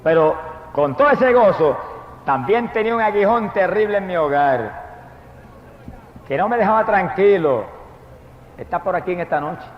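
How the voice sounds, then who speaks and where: A man with a high voice preaches his testimony fervently, now and then bursting into loud praise. He is heard in a church hall with a long, echoing reverb. The recording sounds dull and lo-fi, with faint noise behind it. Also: lively intonation, normal speed, long pauses. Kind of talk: testimony sermon.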